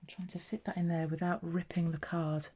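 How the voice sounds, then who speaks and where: This southeast England woman talks her way through a papercraft demonstration, narrating each move in a relaxed how-to manner. Her delivery is flat and unhurried, the voice low and mellow with a breathy edge.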